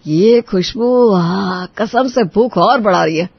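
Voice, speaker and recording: A man's voice: sits high, takes it slowly, vocal fry, slightly rough, no echo, highs cut off, heavily acted. A man voicing a cheerful, hearty middle-aged father-in-law in a cartoon. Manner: hearty, enthusiastic.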